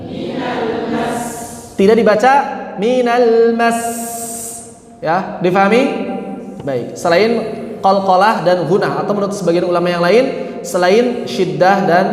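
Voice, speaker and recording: A man teaching Quran recitation rules, chanting examples slowly and correcting with short remarks. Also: sits high. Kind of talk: tajwid lesson with recited examples. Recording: echoey room with long reverb.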